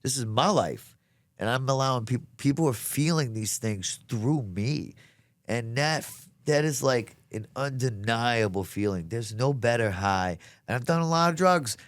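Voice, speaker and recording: A man's voice: medium pitch, measured pace, no echo. A man chatting casually as an interview guest, earnest and emphatic, with plenty of slang. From south Louisiana, United States. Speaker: comedian being interviewed. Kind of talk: casual chat.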